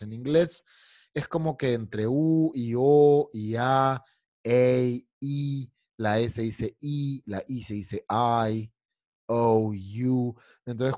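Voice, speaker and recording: A man's voice: medium pitch, warm tone, no room sound, clean studio sound. A man teaching an online English class, explaining in Spanish and drilling pronunciation by singing along to lyrics. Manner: irritated, scolding a heckler.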